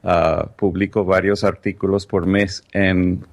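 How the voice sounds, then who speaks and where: A tech journalist from the United States, a native English speaker, appears as a guest on a podcast interview. His voice sits low, with a level tone and slow pace, and he speaks articulately and precisely, keen on explaining how words are used.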